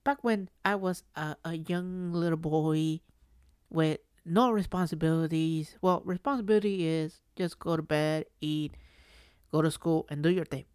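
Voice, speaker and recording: A woman's voice: deep voice, measured pace, a little mellow, clear, resonant tone, no room sound, studio quality. A woman hosting a solo podcast, telling stories casually in a rambling way that circles back and repeats phrases. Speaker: podcast host.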